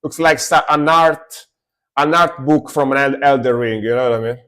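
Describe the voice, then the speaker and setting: A man's voice: mid-range voice, normal speed, fairly bright tone. A man from Italy, streaming and giving enthusiastic, rambling commentary while reacting to metal music.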